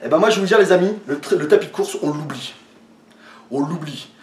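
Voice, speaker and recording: A French fitness vlogger talks a workout through to the camera, his voice fairly high and brisk. He sounds casual, hesitant and a bit tired, full of fillers and restarts. He's recorded from a distance in an echoey room, well away from the mic.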